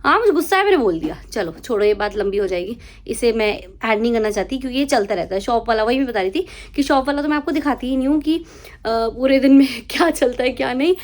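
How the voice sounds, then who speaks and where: A woman's voice: a little high, brisk, few pauses. A young woman and new mother chatting casually to her viewers in a vlog, switching freely between Hindi and English phrases and telling stories with animation. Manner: animated storytelling. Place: at home.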